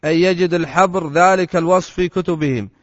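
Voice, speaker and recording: High-voiced man reading a classical text. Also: brisk. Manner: steady, formal recitation. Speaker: student reading the text aloud. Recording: dull recording with long hall reverb.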